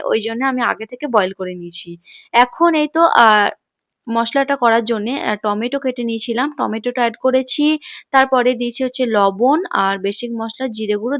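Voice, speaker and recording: Woman, chatty cooking host, slightly high voice, dry close sound. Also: no room sound. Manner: chatty, fillers and "okay" between steps. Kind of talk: casual cooking voice-over.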